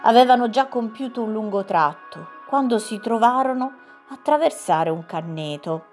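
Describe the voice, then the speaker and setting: A woman reading a fairy tale aloud as a storyteller, expressive, with dramatic pauses. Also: on the high side, faint music behind.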